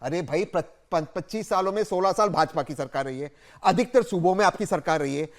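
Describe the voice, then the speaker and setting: A fairly high-pitched man argues hard as a guest on a TV debate panel. He pushes his points insistently, circling back and repeating them as he talks over others. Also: fairly quick. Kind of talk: heated TV debate.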